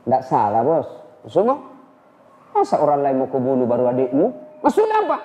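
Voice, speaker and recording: A man voicing an excitable, nosy townsman who stammers and chatters. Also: mid-range voice, moderate pace. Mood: excited. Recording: echoey hall.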